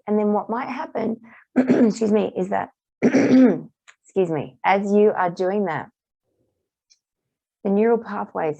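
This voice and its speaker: Guiding a tapping exercise, a woman with a mid-range voice repeats calm instructional phrases. She is a little hoarse and clears her throat, and the dull, muffled recording is dry with no room sound.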